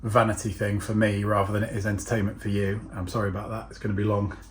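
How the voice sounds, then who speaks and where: A man's voice: on the low side, flat delivery, quick pace, slight background noise. A man talking casually to camera as a DIY vlogger, chatty and self-deprecating.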